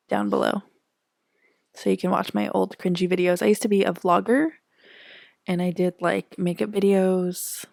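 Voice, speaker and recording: A young woman co-hosting a podcast in casual chat, talkative, full of "like" and quick laughs. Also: medium pitch, creaky, darkish tone, dry recording, studio quality. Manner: chatty, fillers like "like", laughs often. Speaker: podcast co-host.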